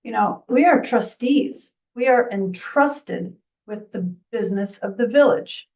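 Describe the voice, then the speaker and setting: A woman village trustee making a measured, polite but pointed remark at a board meeting. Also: a little high, a little mellow. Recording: distant, dull meeting audio.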